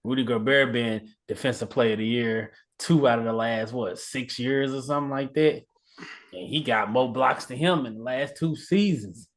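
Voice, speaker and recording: A man co-hosting a sports podcast in a relaxed style, often laughing and repeating words as he talks. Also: medium pitch, moderate pace. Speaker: podcast co-host. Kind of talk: casual sports chat.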